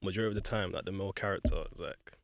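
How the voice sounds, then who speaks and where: A young man in his twenties, a podcast guest speaking softly and casually with some slang. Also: sits low, very fast, vocal fry, dry recording, studio quality. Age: 20s. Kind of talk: casual group chat.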